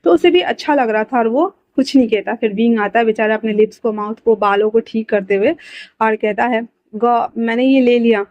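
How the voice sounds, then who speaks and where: A woman's voice: on the high side, brisk, dry recording. A woman narrating a fan story casually, chatty, with fillers and self-corrections, on a dull lo-fi recording.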